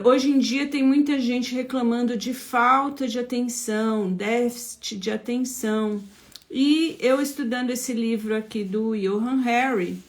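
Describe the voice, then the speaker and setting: Slow-talking therapist host from São Paulo. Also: female voice, a little high. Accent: São Paulo Portuguese. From Brazil. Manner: greets viewers by name, chatty and unhurried. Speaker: therapist hosting a live stream. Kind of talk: casual live-stream talk.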